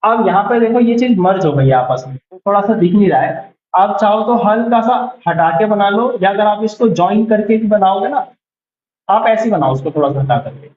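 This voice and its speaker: A young man teaching a beginners' shorthand class, patiently repeating each word slowly and checking whether anyone has doubts. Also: high-pitched, lively intonation. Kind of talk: classroom lesson. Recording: roomy, dull lo-fi sound.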